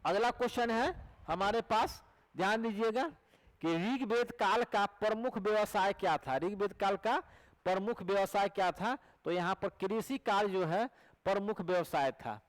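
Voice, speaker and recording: A man's voice: high-pitched, measured pace, low-quality recording. A male teacher with a Bihari Hindi accent, giving an exam prep lecture and repeating each question and answer back to his students. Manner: coaxing, asks rhetorical questions to check recall.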